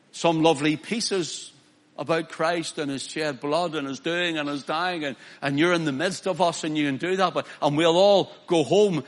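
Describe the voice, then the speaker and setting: A male preacher, his voice high and bright. He preaches emphatically, rising to loud declamations and dropping to soft, personal appeals. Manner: emphatic, swings from loud declaiming to quiet pleading. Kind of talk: sermon.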